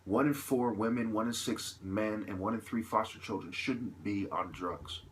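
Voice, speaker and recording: On poor audio with a little hiss or hum, a vlogger with a fairly low voice passionately delivers an improvised opinion monologue. He repeats himself for emphasis, asks rhetorical questions, and often halts between phrases.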